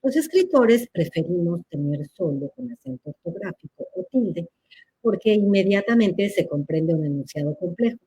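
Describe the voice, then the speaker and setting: A woman's voice: lowish voice, very animated, moderate pace, mellow, breathy edge. A woman answers audience questions in a live chat, teacherly and playful, laughing at her own examples.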